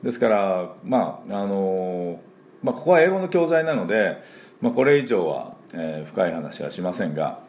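Deep, lively-voiced man teaching English. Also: moderate pace. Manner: chatty, filler-heavy, models pronunciation aloud. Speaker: English teacher and school principal. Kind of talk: casual spoken radio lesson.

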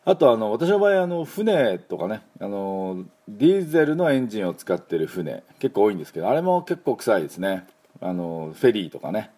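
A middle-aged man hosts a laid-back English lesson in a low, husky voice. His tone is mellow, but his pitch swings widely as he rambles through asides. He leads listeners through repeat-after-me pronunciation drills. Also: fairly quick. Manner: relaxed, chatty, many fillers and asides. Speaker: English teacher and show host. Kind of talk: casual spoken English lesson.

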